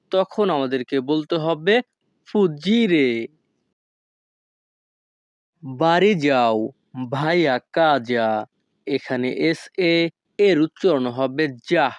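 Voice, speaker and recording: A man teaching a language lesson who speaks slowly and deliberately, repeating each foreign phrase carefully. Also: on the high side, clear, resonant tone, no room sound, muffled recording.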